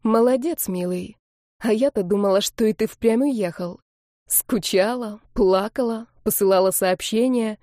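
A woman's voice: mid-range voice, measured pace, no room sound, studio quality, lightly acted. A woman reading as a scornful jilted young woman. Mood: cold mocking. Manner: mocking, then shouting in hurt fury.

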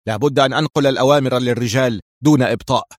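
A man's voice: medium pitch, very fast, no room sound, natural voice. A ruthless squad commander, played by a male narrator in a plain middle register. He gives orders harshly and sneers at his allies, recorded dry and close. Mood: harsh commanding.

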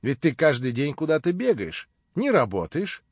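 Roguish joking friend, male reader, bantering, lively pitch, dull dry recording. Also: normal speed, no room sound, full character voice. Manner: bantering, teasing. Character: jovial roguish man, a joking old friend.

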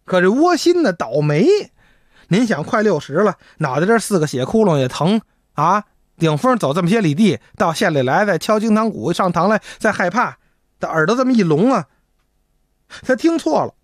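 A male storyteller spins a traditional comic tale and keeps turning to the listeners. His pitch moves in lively swings. The voice sounds close and dry, with no echo. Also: normal speed. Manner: animated, chatty, addresses listeners directly.

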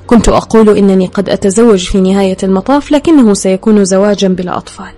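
Quick-reading female audiobook narrator. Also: medium pitch, mellow. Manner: intimate first-person storytelling. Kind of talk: scripted narration.

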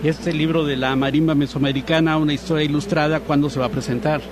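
A man's voice: a little high, fairly even intonation, quick pace, crowd noise. A man hosting a live radio interview, asking friendly, chatty questions outdoors. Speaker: radio host. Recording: noisy outdoor traffic background.

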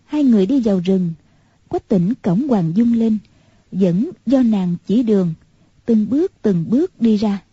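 A woman narrating a martial-arts novel in a steady, measured way. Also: medium pitch, husky, no room sound. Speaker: audiobook narrator. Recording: muffled lo-fi recording.

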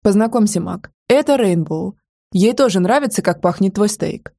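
Brief: cocky young biker voiced by a female narrator, teasing audiobook read, mellow and breathy. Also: medium pitch, expressive, normal speed, dry recording, clean studio sound. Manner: teasing, smirking delivery.

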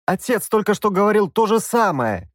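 A man's voice: high voice, sing-song, moderate pace, no echo, studio quality, pitched above the performer's own voice. A man voicing a young, imperious princess who gives orders and snaps back sharply. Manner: demanding, sharp retorts.

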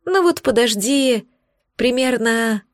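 Woman narrator voicing a warm-hearted, sly demoness, calm and teasing, dry studio read. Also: on the high side, slow, no echo, voice pushed up. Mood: reassuring.

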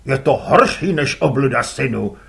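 A man's voice: medium pitch, animated, gravelly, fairly bright tone. A man voicing a blunt, short-tempered fisherman father who barks orders at his son, in an audiobook. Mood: gruff barking.

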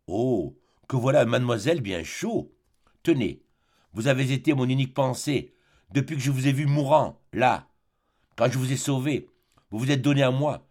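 A man's voice: medium pitch, normal speed, a little mellow, close to an everyday voice. A man reading an audiobook, voicing a jealous, possessive spinster woman in her forties who pleads and reproaches. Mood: reproachful.

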